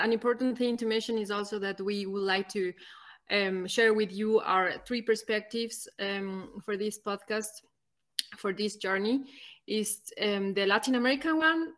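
A woman from Ecuador, earnestly introducing her podcast and pausing often to find her words. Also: medium pitch, fairly bright tone. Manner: earnest, halting, many "um" pauses. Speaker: podcast co-host.

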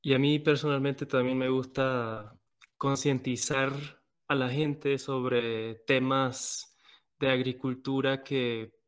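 A man born in Venezuela and raised in Germany, co-hosting a podcast and explaining calmly with small hesitations. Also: mid-range voice, clean tone. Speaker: podcast co-host. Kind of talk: casual podcast chat.

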